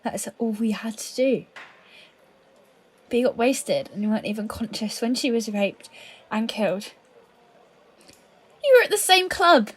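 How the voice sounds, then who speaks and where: In an audio drama, an actress plays a police colleague racked with guilt and bent on revenge who is hiding a crime, and she speaks emotionally and haltingly. Her female voice is a little high and animated with a breathy edge. She sounds accusing and anguished.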